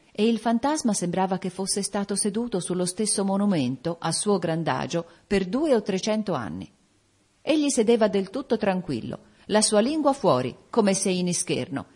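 A woman narrating an audiobook of a classic ghost story in a measured, literary way. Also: mid-range voice, a little mellow, husky.

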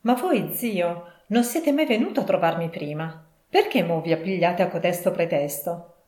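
A woman voicing a cheerful, good-humoured young man in an audiobook, pleading warmly. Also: on the low side, lively intonation, moderate pace, lightly acted. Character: cheerful, warm young man, patient nephew. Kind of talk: audiobook reading. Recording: roomy echo.

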